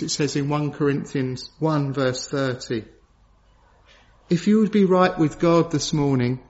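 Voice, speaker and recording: Earnest and solemn, a male preacher alternates between hushed, weighty passages and raised, urgent questions, repeating important phrases for emphasis. It's a dull-sounding lo-fi recording.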